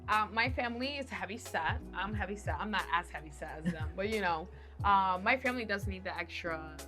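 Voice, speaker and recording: A woman's voice: medium pitch, lively intonation, fairly quick, music in the background. A young woman hosting a casual podcast chat, giggly and full of questions. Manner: giggly, chatty, asks lots of questions. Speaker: podcast host.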